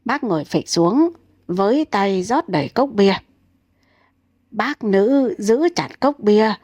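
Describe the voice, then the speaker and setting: A woman narrating comic folk tales in a steady, even voice. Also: mid-range voice, takes it slowly, no echo. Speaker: storyteller.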